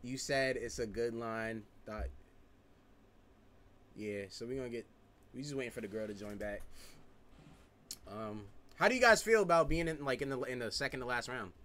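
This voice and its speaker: A man's voice: medium pitch, animated, moderate pace, long pauses, noisy background. A young man hosting an online blind date game, talking loose and slangy into a headset. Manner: loose slangy talk, easygoing, organizing the call. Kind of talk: casual streamed chat on a group video call. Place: indoor room, streaming setup.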